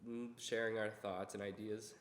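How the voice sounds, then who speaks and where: Seated around a table indoors, a young podcast co-host rambles through unscripted chat, poking fun at himself. He speaks at a normal pace with a fairly low, flat voice, picked up by a single shared table mic in a roomy space with a little hiss or hum.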